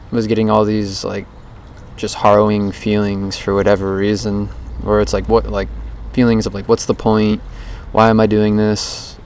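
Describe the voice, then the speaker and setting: A man's voice: fairly low pitch, darkish tone, slight background noise. A young man speaking a rambling, reflective audio diary into a handheld voice recorder outdoors under a bridge. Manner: rambling and reflective, full of "like" and "you know". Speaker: self-recording audio diarist. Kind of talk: casual spoken audio diary.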